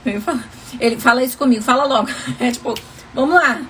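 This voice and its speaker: A woman's voice: high voice, fast talker, fairly bright tone, a little hiss or hum. A woman relationship coach giving casual advice on a livestream, chatty and often laughing, calling viewers endearing names.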